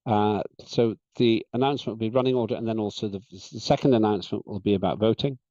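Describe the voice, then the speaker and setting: A man chairing an online parliamentary session, speaking in a measured, deliberate way with frequent "uh" fillers, over a slightly dull video call. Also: lowish voice, mellow, no echo.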